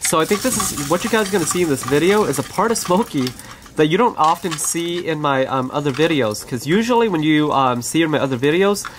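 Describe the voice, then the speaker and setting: Gentle bird owner narrating off-camera. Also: mid-range voice, expressive, brisk, background noise. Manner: gentle, conversational, fond of the bird. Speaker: pet bird owner and channel host. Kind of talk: casual narration over pet footage.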